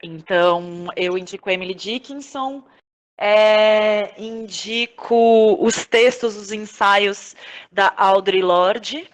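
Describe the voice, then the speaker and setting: This podcast guest, a playwright, actress and director, speaks with a Brazilian Portuguese accent in a mid-range voice at a slow pace. She's effusive and informal, chatting through a casual interview.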